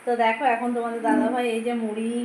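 Woman, home vlog, chatty, fairly high voice, echoey room, faint background hum. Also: flat delivery, very fast. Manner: chatty, addresses viewers as friends; talks softly at times, walking around the home. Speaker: vlogger, homemaker. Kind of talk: casual vlog chat to viewers. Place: home, indoors.

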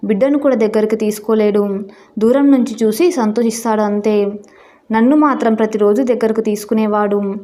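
A woman's voice: fairly high pitch, steady tone, normal speed, warm tone. A woman narrating a first-person audio story in an earnest, plaintive way.

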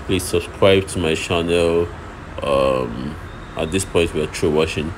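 A man's voice: deep voice, unhurried. A man walks through his oven workshop, explaining each step and repeating himself as he films on his phone. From Nigeria. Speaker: oven fabricator showing his work. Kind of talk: walkthrough narration while filming. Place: workshop and outdoor street site. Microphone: phone held while filming. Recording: phone video with loud background noise.

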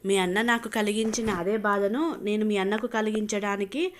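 A woman's voice: mid-range voice, moderate pace, a little hiss or hum, natural voice. A woman voicing a cruel, vengeful young husband who talks in a cold, taunting, menacing way.

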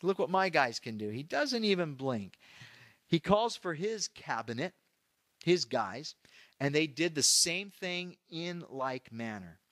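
Middle-aged guy pastor walking thru a bible chapter, chatty, acts out voices, bright dry sound. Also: a little high, unhurried, no room sound. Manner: conversational, animated, acts out quoted voices. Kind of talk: verse-by-verse Bible teaching. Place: church.

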